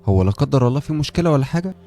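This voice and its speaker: A man's voice: medium pitch, expressive, very fast, mellow, soft background music, voice pushed up, natural voice. A man voicing a friendly, talkative young male neighbor with an Egyptian accent who keeps asking curious questions. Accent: Egyptian Arabic.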